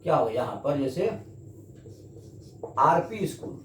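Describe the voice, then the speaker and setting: A slow-talking man teaching a grammar lesson, his pitch rising and falling a great deal. He keeps asking the class questions and then answering them himself. His voice rings in an echoey room with some faint noise behind it. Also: animated. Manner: addresses students, asks and answers his own questions.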